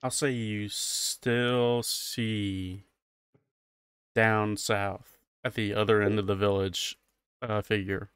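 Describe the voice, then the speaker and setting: A man narrating as game master of a tabletop game, low-key and matter-of-fact. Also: level tone, slow pace, a bit bright, smooth, no echo, studio quality.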